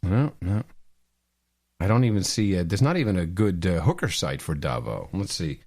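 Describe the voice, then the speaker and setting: A man's voice: sits low, animated, moderate pace, a little mellow. A man co-hosting a podcast, sarcastic and crude, laughing at the clips. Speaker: podcast co-host. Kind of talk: casual chat.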